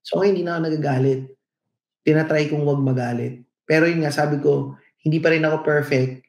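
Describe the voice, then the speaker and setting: His pitch is fairly high, his tone steady and his pace fairly brisk: a middle-aged Filipino-accented man from the Philippines, co-hosting a laid-back podcast. He reflects as he tells stories, mixing English into his speech, and the room around him echoes.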